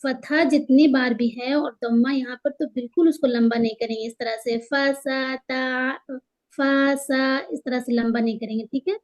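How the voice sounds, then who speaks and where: A woman teaching Quran tajweed, patiently explaining the rules and slowing down to stretch out each recited word. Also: on the high side, steady tone, warm tone, poor audio. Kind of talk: tajweed lesson, spelling out letters and drawing out recited words.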